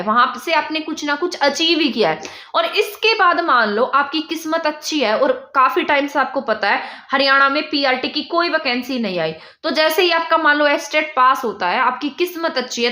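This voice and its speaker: A woman's voice: sits high, bright, forceful tone, reverberant. A young woman from India, teaching an exam-prep lesson and drilling points by asking and answering her own questions.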